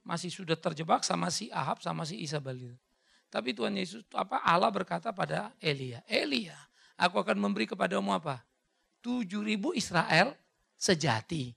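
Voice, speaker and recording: A man preaching a sermon and answering questions, animated, slipping English words in and acting out quoted voices. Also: high-pitched, a little fast, vocal fry, husky. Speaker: pastor. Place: church hall.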